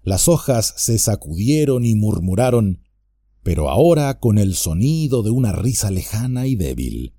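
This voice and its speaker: A man narrating an audiobook with expressive storytelling. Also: lowish voice, moderate pace, no room sound, clean studio sound.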